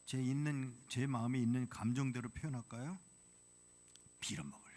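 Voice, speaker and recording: A male missionary preaching a sermon in a church, blunt and provocative with the congregation, swinging from hushed whispers to loud outbursts. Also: mid-range voice, lively intonation, unhurried, husky. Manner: dramatic, drops to whispers then bursts out loudly. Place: church sanctuary.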